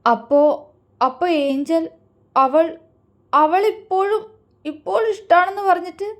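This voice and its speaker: A woman voicing a timid young woman in love, who stammers and halts. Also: high voice. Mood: tearful. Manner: stammering, halting.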